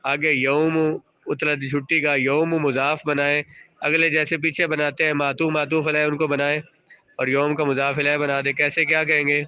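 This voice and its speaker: A man teaches a grammar lesson, parsing each sentence step by step. His voice is fairly high and bright, with a flat, steady tone. He keeps quizzing students and patiently repeats their answers. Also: clean tone, no room sound, highs cut off.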